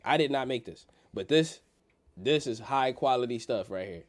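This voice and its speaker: Man, stuffy blocked nose, casual livestream host, medium pitch, slangy, repetitive emphatic phrasing. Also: animated, moderate pace. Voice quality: congested, blocked-nose nasal sound. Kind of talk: casual livestream stock market commentary.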